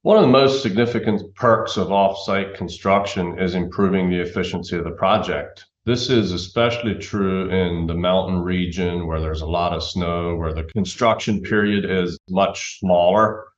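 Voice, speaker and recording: A middle-aged man who manages a timber framing company explains things as an interview guest, speaking in a low voice at a moderate pace with hardly any pauses. His remote connection sounds dull and roomy.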